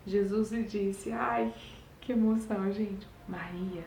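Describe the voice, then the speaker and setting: A woman reading scripture aloud at home and breaking off into expressive, exclamatory asides to her listeners. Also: mid-range voice, takes it slowly, a little hiss or hum. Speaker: Bible study leader. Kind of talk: devotional Bible reading with commentary. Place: home at night. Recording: roomy, distant mic, faint ambience.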